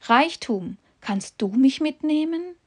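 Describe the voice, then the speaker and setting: A woman voicing Love as a gentle, pleading female figure in a fairy tale. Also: sits high, lively intonation, slow, pitched above the performer's own voice.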